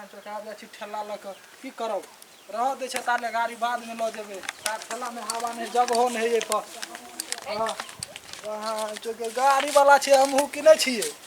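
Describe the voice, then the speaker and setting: A man with a Bihari accent playing a haggling village scrap dealer in an amateur comedy skit. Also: extremely high pitch. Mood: gloating. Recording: faint outdoor background noise.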